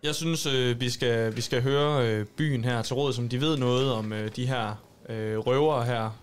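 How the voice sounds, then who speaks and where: A man playing a tabletop game, planning his moves with hesitant pauses and restarts. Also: medium pitch, steady tone, smooth, soft background music. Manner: hesitant, many fillers and restarts while planning. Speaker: player. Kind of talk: casual tabletop play.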